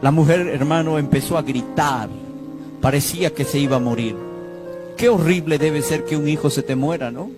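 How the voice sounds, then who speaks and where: A male pastor preaches with feeling, telling a story and turning often to the congregation. His voice sits a little high for a man. Instruments play clearly beneath him throughout. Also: normal speed. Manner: emotional storytelling preacher, addresses the congregation directly. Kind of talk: sermon. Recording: music playing behind. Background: instrumental music.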